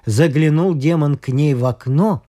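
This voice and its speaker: A man narrating a folk tale in a slow, expressive telling. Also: fairly high pitch. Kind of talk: storybook narration. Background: faint music.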